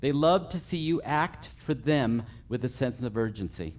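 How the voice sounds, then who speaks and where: A man stands before a live group and teaches customer service point by point. He numbers each item and keeps checking in with a quick "okay?" at mid pitch. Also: animated, darkish tone, a little hiss or hum. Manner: runs through a numbered list, checking in with frequent okays. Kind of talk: live training talk to a group. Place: meeting room with a live audience.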